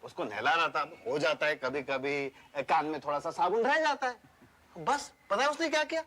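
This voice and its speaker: A man's voice: a little high, expressive, normal speed, sharp tone. An actor playing a timid, henpecked husband complaining plaintively about his wife, in a TV sitcom. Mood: whiny. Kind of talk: TV sitcom acting. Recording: noisy TV soundtrack.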